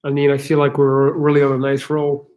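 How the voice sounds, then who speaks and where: A man's voice: medium pitch, monotone, fairly quick, a little mellow, lo-fi sound. A man from Belgium with an American accent, hosting a casual live chat and answering viewers' questions in a frank, rambling way that restarts often.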